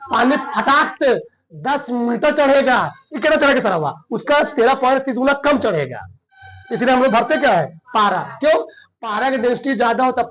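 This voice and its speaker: A man teaching a chemistry lesson, his voice very high and bright. He talks in a colloquial way while working a problem step by step. He keeps stopping to check that his students are following. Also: poor audio.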